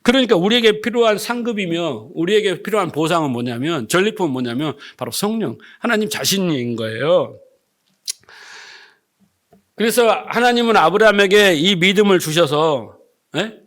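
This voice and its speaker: A male pastor delivering a sermon in a high, very animated voice. He keeps asking the congregation questions and acts out quoted speech. His pitch swings widely. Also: moderate pace.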